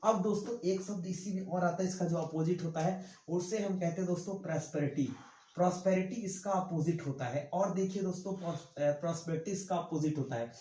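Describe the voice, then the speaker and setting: A male English vocabulary teacher gives an online exam-prep lesson, writing on a board as he talks, repeating each word and constantly calling listeners "friends". His voice is high, brisk and dark-toned, recorded roughly in an echoey room.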